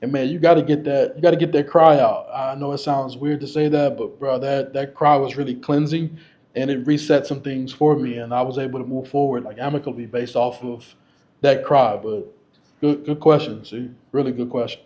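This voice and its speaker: Speaking at a normal speed with a medium-pitched, steady, mellow voice, this man laughs often as he shares candid, casual stories with a live audience as a featured guest. The sound is lo-fi.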